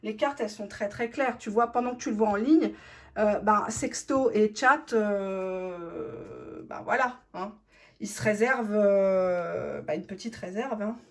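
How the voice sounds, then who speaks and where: A woman's voice: medium pitch, unhurried. A woman giving a blunt, cheeky tarot reading straight to the viewer, voicing the partner's thoughts in first person. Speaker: tarot reader.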